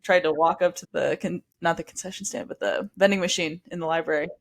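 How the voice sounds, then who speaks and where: A woman's voice: fairly low pitch, fairly even intonation, vocal fry. A young woman in her twenties, a podcast guest telling a long personal story in a casual, chatty way. She sounds a little stuffy from allergies. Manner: chatty, quick, with frequent likes and restarts.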